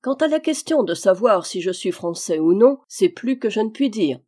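A woman's voice: mid-range voice, animated, moderate pace, mellow, husky. A woman reading the part of a frank, cheerful young army captain in an audiobook.

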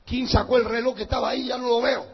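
A male pastor preaching a fiery sermon, swinging between shouting and hushed intensity. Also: extremely high pitch, flat delivery, quick pace, vocal fry, husky. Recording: dull reverberant hall recording.

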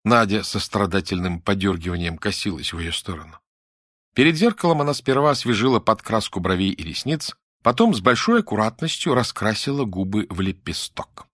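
A man reading an audiobook, his narration lively and full of melodic movement. The delivery is expressive and dramatic, recorded close and completely dry. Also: on the low side, a little fast, no room sound.

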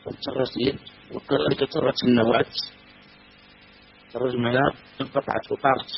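A man gives a classical grammar lesson, stopping to repeat each word form slowly and deliberately. His voice sits at an ordinary middle pitch. The recording is dull and lo-fi, with a faint hum underneath. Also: flat delivery, creaky. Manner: measured, repeats and spells out word forms slowly. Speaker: teacher of Arabic grammar.

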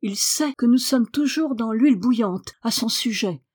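A woman's voice: on the high side, normal speed, darkish tone, husky. A woman voicing a fretful young housemaid, worried and pleading. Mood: alarmed.

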